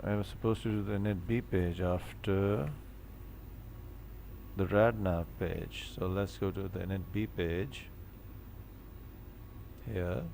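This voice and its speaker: A man's voice: low voice, vocal fry, a little mellow, slight background noise. A man streaming a flight simulator, casually talking himself through each step as he goes. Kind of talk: casual live commentary on own gameplay.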